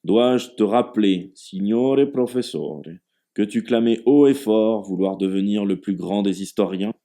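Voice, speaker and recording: Man doing a booming jovial Italian host. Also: steady tone, moderate pace, natural voice. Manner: loud, hammering the words. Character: boisterous hearty older Italian man host.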